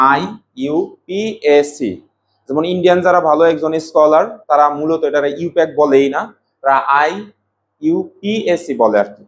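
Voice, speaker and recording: Higher-pitched male chemistry teacher drilling class. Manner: drills students with repeated questions and answers. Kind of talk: classroom lecture.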